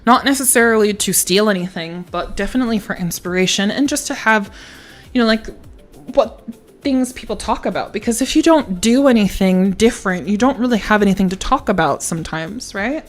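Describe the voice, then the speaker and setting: A woman's voice: medium pitch, fairly quick, soft background music. A woman streamer chatting casually on a livestream, swearing freely and often breaking into laughter. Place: standing at a home streaming setup.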